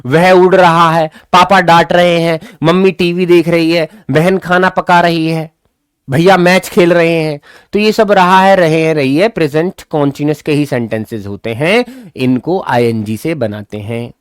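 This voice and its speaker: Guy teaching english live online, quick and lively, slows way down on the example sentences, dry close mic. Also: a little high, clean tone, no echo. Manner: lively, talks fast, then slows right down to spell out English example sentences. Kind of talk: live online grammar class.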